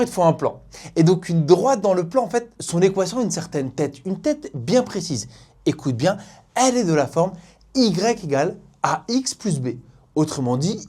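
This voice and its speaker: A woman's voice: on the low side, dark tone, husky. A woman with a Norman French accent teaching a math lesson, playful and speaking directly to the student.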